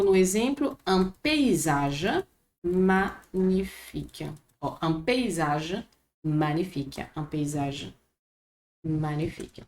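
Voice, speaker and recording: A woman with a Brazilian Portuguese accent teaches vocabulary at an unhurried pace, repeating each word several times for her students. Her voice sits at a middle pitch, and the room around her is echoey. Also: darkish tone. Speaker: French teacher. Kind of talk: vocabulary lesson.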